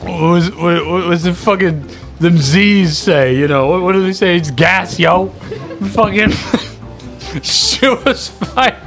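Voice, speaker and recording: A young man chats with friends like a rowdy frat bro. His voice sits high and swings widely, full of slang and swearing, with bright edges and faint music behind him. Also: expressive, takes it slowly. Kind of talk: casual chat among friends.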